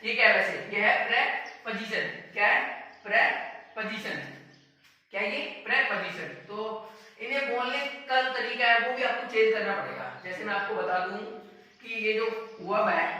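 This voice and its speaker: A man with an Indian English accent teaches an English lesson in a bright, ringing voice that sits fairly high. He asks his own questions and answers them, repeating each key word. He is recorded from a distance in a very echoey room. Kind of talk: classroom-style lesson.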